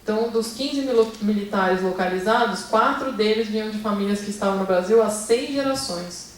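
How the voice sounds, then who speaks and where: At a moderate pace and medium pitch, a woman with a Brazilian Portuguese accent gives a hesitant seminar talk on her research, restarting and using many fillers as she requests the next slide. The sound is echoey, with her some distance from the mic.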